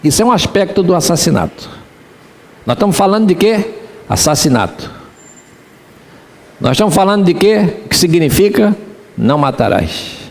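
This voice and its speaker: A man's voice: high-pitched, sing-song, normal speed, gravelly, long pauses, big-room sound. A man pastor with a Rio de Janeiro accent, preaching a sermon in church and asking the congregation rhetorical questions. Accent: Rio de Janeiro Portuguese.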